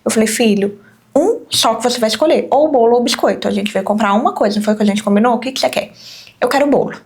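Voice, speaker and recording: A woman talks fast and high in a casual chat, full of fillers as she tells everyday stories. She speaks as a mother in a relaxed conversation. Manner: chatty storytelling with many fillers. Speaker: podcast host, mother.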